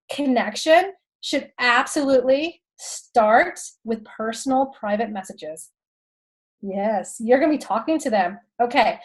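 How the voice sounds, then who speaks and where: A woman's voice: sits high, low-quality recording. A woman in her thirties with a Texan accent, giving chatty tips as a direct-sales host with laughing asides. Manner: chatty, laughing asides, addresses viewers as y'all. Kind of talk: casual how-to talk.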